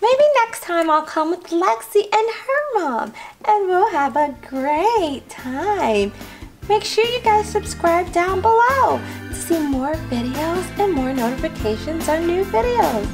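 A woman voicing an excitable little girl doll on her first shopping trip with her mom. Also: very high voice, slow pace, over music, heavily acted. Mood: chatty. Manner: gushing, breathless with excitement. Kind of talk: toy doll play video.

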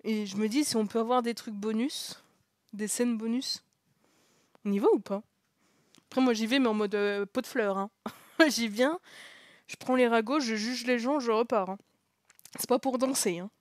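A woman's voice: a little high, moderate pace, pauses often, no room sound. Chatty joking woman streamer, dry sound. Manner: chatty and joking, laughing often, dropping into hushed asides. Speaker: streamer playing a story game. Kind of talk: casual live commentary while reading a visual novel.

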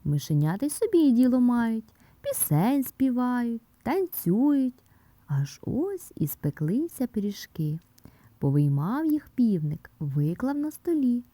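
Expressive female fairy-tale storyteller. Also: on the high side, takes it slowly, no echo. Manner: expressive, softening to a whisper in places. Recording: dry close mic with soft background music.

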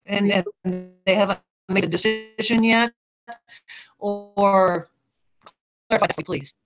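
A woman's voice: mid-range voice, fairly even intonation, soft background music. Woman on a glitchy, cutting-out call. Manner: halting, broken-up words with gaps. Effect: choppy, glitchy call audio that keeps cutting out. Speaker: board member calling in remotely. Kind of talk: meeting discussion. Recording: dull lo-fi remote call line.

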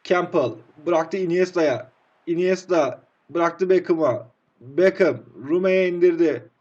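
A young man in his twenties talks over his football game with a voice that sits a little high. He groans quietly and then bursts out with excitement. The sound is muffled and lo-fi. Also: takes it slowly. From Turkey. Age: 20s. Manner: dramatic, swings from hushed groaning to excited shouting. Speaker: mobile football game streamer. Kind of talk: live gameplay commentary.

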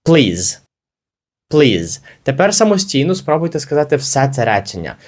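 A man teaching an English lesson, explaining with energy and saying the model phrases slowly and carefully. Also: mid-range voice, very animated.

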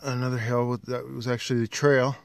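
Speaking quickly and in a level tone, this middle-aged man has a mid-range voice with no echo. He's a hiker vlogger casually narrating outdoors on a wooded trail and dam, phone held at arm's length, with clear outdoor noise around him.

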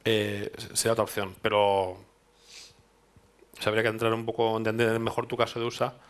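This meetup speaker, a Spanish-accented man from Spain in his thirties, talks through technical material in a dark hall with an audience, restarting and using tag questions as he thinks aloud. His voice is lowish and monotone, a little fast.

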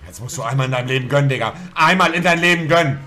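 A man's voice: medium pitch, racing. A man in his thirties ranting in crude slang as he streams a video game with friends, exasperated. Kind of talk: live gaming commentary with friends. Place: streaming room indoors. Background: loud game music.

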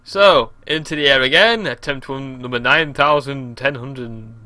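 A young English man commentating on his own gameplay, shouty and exasperated as he keeps failing. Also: mid-range voice, unhurried, no echo. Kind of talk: casual game commentary.

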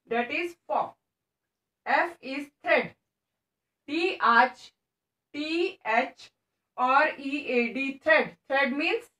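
Slow high-voiced Indian woman teaching children. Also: fairly bright tone, roomy sound, rough recording. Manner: spells words letter by letter, switches between English and Hindi; asks the children questions and answers them herself. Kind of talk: classroom lesson for young children.

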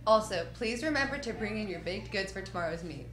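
A teenage girl reads the school's morning announcements over the intercom, steady and clear, letting out a brief giggle now and then. Her pitch is medium and her pace a little fast, with roomy sound and slight background noise.

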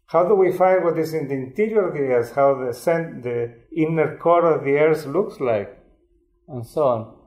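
A man's voice: on the high side, highs cut off. Older man lecturing in a roomy hall. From Chile. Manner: unhurried, explanatory, frequent restarts. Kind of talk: public lecture.

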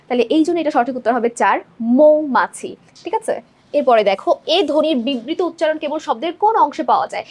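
High, quick-talking woman teacher. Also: expressive, darkish tone. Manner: explains step by step, often checks in with "ঠিক আছে?" and "দেখো". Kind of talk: exam-prep lesson walking through multiple-choice answers.

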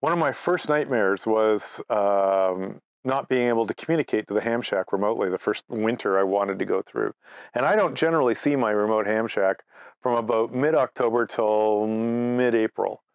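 An amateur radio operator presenting outdoors in front of leafy trees talks conversationally, teaching through step-by-step examples and anecdotes. His lowish voice moves at a moderate pace with a clean tone, and the recording is dry.

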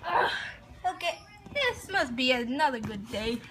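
Woman starting a toy video, slow and rambly, really high voice. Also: sing-song, background noise. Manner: rambling, filler-heavy. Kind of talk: casual intro to a toy skit.

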